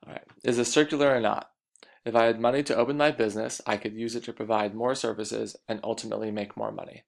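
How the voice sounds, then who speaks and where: A man's voice: mid-range voice, fairly even intonation, quick pace, gravelly. A man teaching a recorded lecture, explaining points and repeating the key ones.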